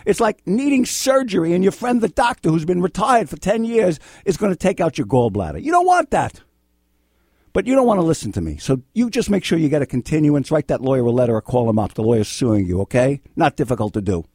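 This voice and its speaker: American guy doing radio legal advice, blunt n scolding, pitch swings all over, dry studio sound. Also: sing-song, fast, few pauses, mellow, breathy edge, no room sound. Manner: blunt, exasperated, scolding, repeats himself. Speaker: radio host and lawyer giving call-in legal advice. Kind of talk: live talk radio advice.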